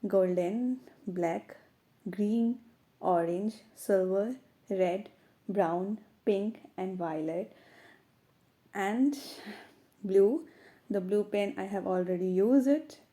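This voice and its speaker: A woman's voice: medium pitch, mellow. A woman with an Indian accent narrating a casual product review, her voice affected by a cold.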